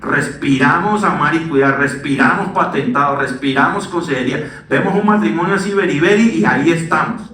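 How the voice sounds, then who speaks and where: A middle-aged man preaching a sermon as pastor, animated and swinging down to a hush. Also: fairly high pitch, a little fast, few pauses, far from the mic. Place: church. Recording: echoey church hall, voice from the mic.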